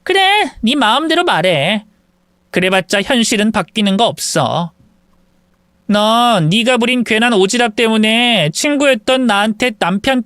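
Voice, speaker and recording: A woman's voice: a little high, a bit bright, dry recording, studio quality. A woman voicing a vindictive young woman who smugly taunts her former friend over the phone in a drama story. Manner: taunting, smug, cruel. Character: gloating vindictive young woman, husband-stealer. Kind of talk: acted phone quarrel in a story video.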